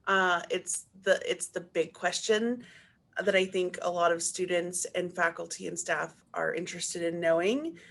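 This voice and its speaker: A woman's voice: lowish voice, a bit bright. A woman moderating a panel discussion, posing questions to panelists in an upbeat, encouraging way.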